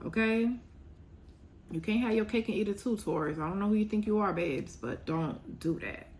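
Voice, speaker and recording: Blunt, animated woman reading tarot. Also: medium pitch, moderate pace, slight background noise. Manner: blunt, animated, scolding and teasing. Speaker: tarot reader.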